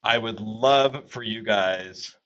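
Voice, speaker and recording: A man's voice: fairly low pitch, takes it slowly, fairly bright tone, muffled recording. A man from Texas hosting a casual livestream, rambling with many fillers as he reads viewer comments aloud. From Texas, USA. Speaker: livestream host.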